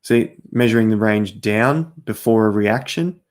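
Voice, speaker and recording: A man hosting a casual crypto livestream, talking straight to viewers as he walks through charts, his voice going hoarse with coughs. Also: fairly low pitch, unhurried. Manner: chatty, talks straight to viewers while walking through charts. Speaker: crypto market host.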